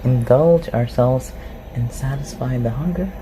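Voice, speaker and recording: For a fantasy roleplay ASMR piece, a performer voices an awkward, inquisitive shapeshifter who lives as a forest recluse, sounding helpful and awkward. The medium-pitched, natural voice moves unhurriedly, rambling through hesitant questions. It's a home recording with clearly noticeable noise running underneath.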